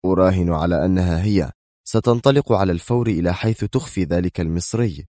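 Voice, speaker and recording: A man's voice: deep voice, fast, warm tone, dry recording, studio quality, lightly acted. A man doing a tense, snappish lawyer. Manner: nervous, snapping. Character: tense, irritable male lawyer, sharp and impatient.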